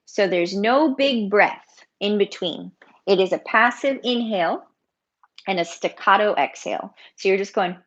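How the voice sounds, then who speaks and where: A woman yoga teacher talks her class through breathing drills in a loose, chatty way at a middle pitch. She laughs easily and keeps things informal. The sound is a bit dull and lo-fi, as from a computer mic on a video call. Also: unhurried, fairly bright tone, slight background noise. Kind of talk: live online breathing workshop.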